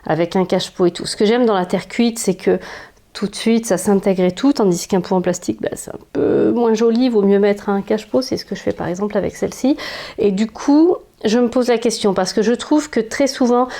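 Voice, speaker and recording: Woman, French accent, casual home vlog, warm mellow tone, enthusiastic and chatty, lots of fillers. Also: mid-range voice, fairly quick. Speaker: plant vlogger. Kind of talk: casual chat. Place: home with houseplants, indoors.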